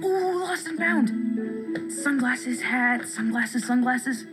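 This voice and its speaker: A woman voicing a determined, bossy young camper who takes charge, urgent and earnest, in an animated series. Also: sits high, slow pace, music in the background. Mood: searching, impatient.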